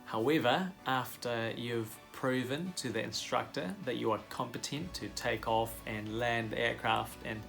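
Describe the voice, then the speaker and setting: A man's voice: medium pitch, a little slow, vocal fry, few pauses, a bit bright, soft background music. A young man with a Filipino accent, a commercial pilot casually explaining pilot licenses to his viewers, friendly and full of fillers. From Philippines. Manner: friendly, direct address to viewers, frequent fillers.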